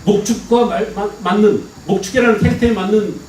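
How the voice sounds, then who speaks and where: A middle-aged man from the Jeolla region giving a lively history lecture, constantly asking the class rhetorical questions to check they follow. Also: high voice, brisk, slight background noise. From Jeolla province, Korea. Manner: animated, keeps checking understanding with rhetorical questions. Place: lecture hall. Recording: echoey hall, mic at a distance.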